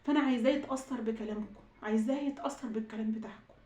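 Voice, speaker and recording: A woman's voice: on the high side, racing, warm tone, roomy sound. A woman with an Egyptian Arabic accent tells a personal story to her viewers. She sounds upset and choked up, pleads, and repeats herself. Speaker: YouTube vlogger. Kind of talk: emotional storytime vlog.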